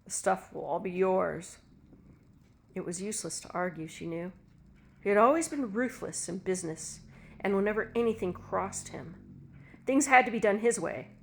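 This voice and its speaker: Woman narrating a dark story. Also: medium pitch, animated, moderate pace, a little hiss or hum.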